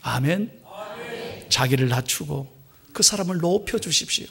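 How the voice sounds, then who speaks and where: A man preaching a sermon as pastor, emphatic and dramatic, moving between loud declarations and hushed words. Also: fairly high pitch, lively intonation, a little slow, creaky.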